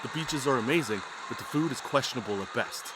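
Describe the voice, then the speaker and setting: A man in his 40s, a podcast host, tells casual comedic travel stories in a slangy, crude, sarcastic style, calling listeners "dude." His mid-range voice is fast and lively in intonation, and there is heavy background noise.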